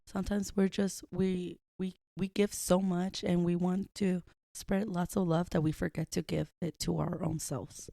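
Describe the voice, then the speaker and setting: Gravelly low-voiced woman co-host. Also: little pitch movement, measured pace, few pauses, dark tone. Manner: casual, mixes in Spanish words. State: sore, dry throat. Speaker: podcast co-host. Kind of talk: casual chat.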